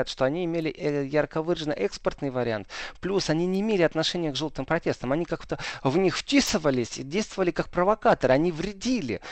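A man's voice: fairly high pitch, dry recording. A man speaking as a political commentator in an unscripted interview, colloquial, with rhetorical questions and asides. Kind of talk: unscripted spoken analysis in an interview.

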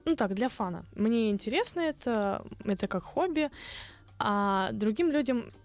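A woman's voice: on the high side, expressive, unhurried, faint music behind. Young woman with a slushy, lisping s. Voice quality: lisp, slushy sibilant s. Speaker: video blogger guest. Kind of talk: casual interview chat.

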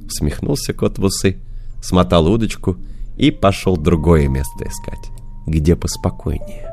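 A man narrating children's fairy tales as an audiobook, in a lively, expressive storytelling manner. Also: sits low, unhurried, creaky, soft background music.

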